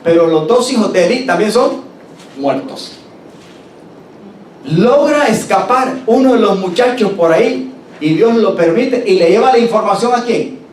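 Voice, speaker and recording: A man preaching a sermon, slowing down to stress scripture and calling on the congregation to answer back. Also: expressive, darkish tone. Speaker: pastor. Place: church hall. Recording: roomy church recording from a distance, faint rumble.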